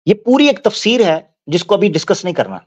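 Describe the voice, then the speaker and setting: A man giving Islamic commentary, explaining points and reciting verses slowly. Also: sits high, very animated, darkish tone, dry recording. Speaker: religious commentator.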